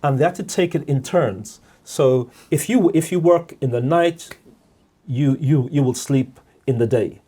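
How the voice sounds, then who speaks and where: In a reflective podcast discussion, a middle-aged man from Guyana speaks in a measured manner, repeating words and often checking in with "all right?". His voice sits in the mid range, with a dark tone and a breathy edge.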